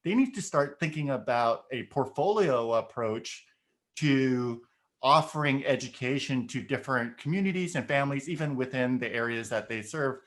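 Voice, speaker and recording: A middle-aged man whose first language is Korean, appearing as a guest on an education podcast, thoughtfully explains ideas with examples in a casual discussion, frequently checking in with "right?". His mid-range voice is fairly bright, and he speaks at a moderate pace.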